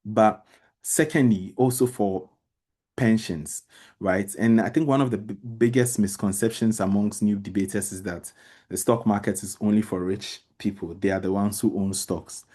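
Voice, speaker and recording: Man, lowish pitch, very mellow tone, explanatory teaching style, emphatic repetition, direct address to learners. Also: normal speed, slightly rough. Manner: repeats words and phrases for emphasis; addresses listeners directly with everyday examples. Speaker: debate trainer and lecturer. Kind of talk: informal explanatory lecture.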